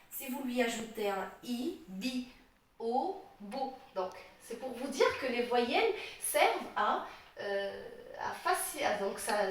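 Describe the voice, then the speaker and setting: A woman teaching a French grammar lesson, explaining slowly, repeating herself and often checking that the class follows. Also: fairly high pitch. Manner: slow, repetitive explaining, checks understanding often. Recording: echoey, distant, faint noise.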